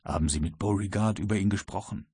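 A male audiobook reader voicing a bold, unflappable American servant with a husky voice. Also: on the low side, quick pace, mellow, no echo. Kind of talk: audiobook reading.

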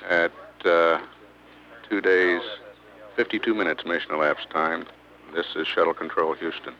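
A man giving mission status commentary, halting and pausing often between figures. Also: sits low, fairly even intonation. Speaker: public affairs mission commentator. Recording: dull lo-fi archival feed, faint noise.

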